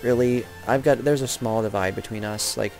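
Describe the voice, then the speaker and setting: Over game music and sound effects, a young man gives loose, talkative commentary on his own match, often rambling and fixing what he just said. He speaks briskly in a mid-range voice with a darkish tone.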